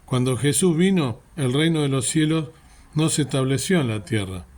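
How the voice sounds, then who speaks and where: A man's voice: medium pitch, moderate pace, darkish tone. A man giving an earnest sermon reflection, often asking rhetorical questions. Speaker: preacher.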